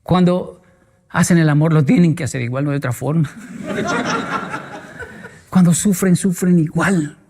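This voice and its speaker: A man's voice: on the high side, big pitch swings, unhurried, pauses often, darkish tone, slightly rough. Man giving a playful talk in a reverberant hall. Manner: playful storyteller, acts out quoted voices and sounds. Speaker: speaker answering audience questions. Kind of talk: motivational talk with humorous anecdotes.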